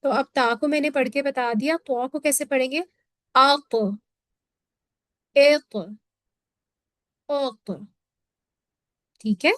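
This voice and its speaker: A woman from Pakistan teaches a recitation class, going over each point again and checking the students understand. Her voice sits high. The recording is dry, with no room echo. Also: steady tone, brisk, few pauses. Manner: patient, repeats points and checks with "theek hai". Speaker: Quran teacher. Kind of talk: classroom lesson on Quran recitation.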